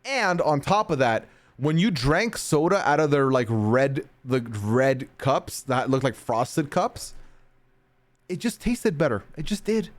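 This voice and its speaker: Speaking slowly but with lots of animation, this medium-pitched streamer from North America chats with viewers in a loose, rambling way full of laughter. Some listeners hear his blended accent as British.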